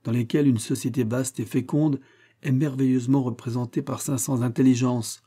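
A man's voice: mid-range voice, fairly even intonation, moderate pace, warm tone, breathy edge, natural voice. A man reading the lines of an intense young man who philosophizes grandly at a drunken feast. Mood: declaiming.

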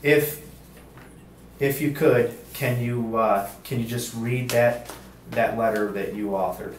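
A male state police investigator running a formal interrogation, halting with many uhs and ums, heard on an interrogation-room tape recording. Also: medium pitch, steady tone. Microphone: fixed room camera mic. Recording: roomy, distant, faint hiss.

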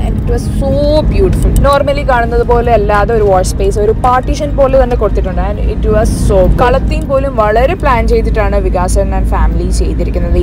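A young woman narrating a home tour in a voice-over, admiring each room and mixing English words into her speech. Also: medium pitch. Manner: admiring, mixes English into Malayalam. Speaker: vlogger giving a home tour. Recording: background music under the voice.

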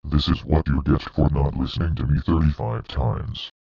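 A man's voice: normal speed, vocal fry, slightly rough, muffled recording, exaggerated voice. A synthetic male voice playing a menacing stick-figure computer demon with a robotic tone. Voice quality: deep robotic demonic text-to-speech voice. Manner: flat threatening ultimatums.

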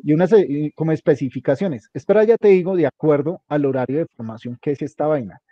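A man's voice: fairly high pitch, quick pace, dry recording. A man teaching a hands-on computer class, giving directions step by step and repeating them often. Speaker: instructor. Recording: dull lo-fi recording.

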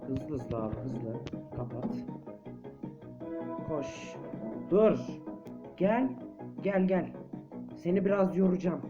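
A man giving casual let's play commentary on a horror game, jumpy and quick to shriek and chant when chased. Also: fairly high pitch, lo-fi sound, over loud music. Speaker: gameplay commentator.

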